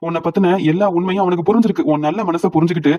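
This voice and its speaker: A man's voice: high voice, rapid-fire. A man voicing an older, angry, domineering mother who scolds and reproaches. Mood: urging. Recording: dull lo-fi audio.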